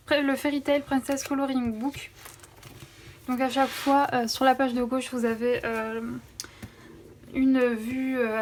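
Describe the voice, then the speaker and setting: A woman's voice: high-pitched, slight background noise. A young woman chatting enthusiastically through a coloring book haul, with many fillers. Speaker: coloring vlogger. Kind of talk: casual haul vlog. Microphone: phone camera.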